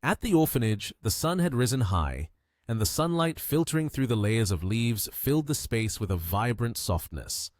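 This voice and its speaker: A man narrating a comic recap in an even, storytelling manner. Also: mid-range voice, normal speed, dry recording, studio quality.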